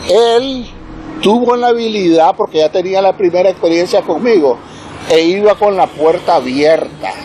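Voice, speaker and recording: A man's voice: sits high, normal speed, darkish tone, a little hiss or hum, low-quality recording. A man recounting a dream and an ambush, imitating gunfire with his voice. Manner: vivid storytelling with gunfire sound effects. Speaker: interviewed witness. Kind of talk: recorded testimony.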